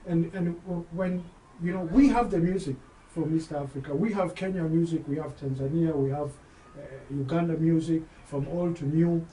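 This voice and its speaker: A man's voice: on the high side, steady tone, normal speed, hardly any pauses, mellow, a little hiss or hum. A man who works as a DJ, talking in a casual interview, hesitant and often repeating words while he thinks. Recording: roomy sound, voice far from the mic, faint background ambience.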